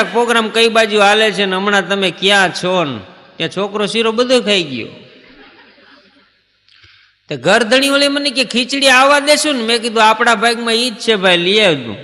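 A man's voice: sits high, pushed and bright, in a large hall. A man performing stand-up comedy, telling anecdotes and acting out short exchanges between people. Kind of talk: Gujarati folk stand-up storytelling.

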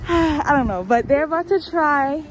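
A woman's voice: sits high, animated, slow, a crowd in the background. A woman vlogger chatting casually from inside a car, talking through a face mask. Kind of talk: casual chat. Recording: noisy car interior.

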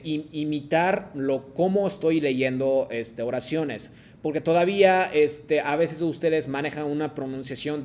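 A man teaching a Japanese class online, slowly modeling phrases for his students to repeat. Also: a little high, a little mellow. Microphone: video call.

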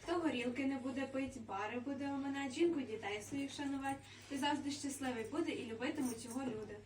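A woman's voice: high-pitched, fast, a little mellow, natural voice. A woman playing an earnest guardian angel in a Christmas nativity play, reciting verse. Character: earnest guardian angel giving moral counsel. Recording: roomy distant mic, faint noise.

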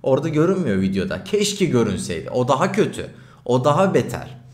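A man streaming as a journalist, talking over a clip in an indignant, animated way. His pitch swings widely from high to low. The room around him rings with a noticeable echo. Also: brisk. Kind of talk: livestream commentary over a video clip.

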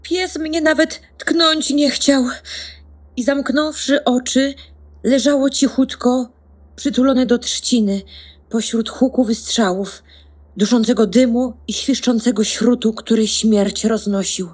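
A woman's voice: a little high, fairly even intonation, takes it slowly, a little mellow. A woman playing a small, timid, downcast duckling in a fairy-tale radio play, plaintive and naive. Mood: frightened.

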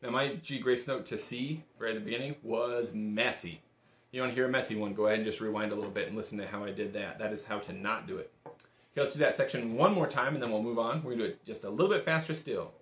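A bagpipe instructor in his thirties gives an easygoing, encouraging, step-by-step music lesson in a small home workroom. His voice is lowish and fairly bright and moves at a quick pace, and the small room gives the recording an echoing sound.

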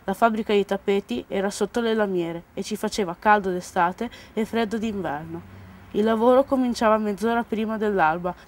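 A teenage schoolgirl slowly reading a story aloud for a school news report, earnest and careful. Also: medium pitch, darkish tone, a little hiss or hum. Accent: Italian. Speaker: student reader.

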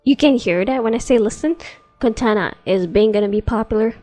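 A streamer tests a voice assistant in casual chat, giggling often between her questions. Her voice sits on the high side with a dark tone, her delivery is brisk, and soft music plays in the background.

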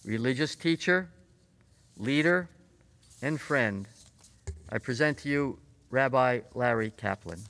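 A college president giving a formal, solemn ceremonial address and introducing the speaker. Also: male voice, mid-range voice, animated, a bit bright, in a large hall, a little hiss or hum. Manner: measured, solemn delivery.

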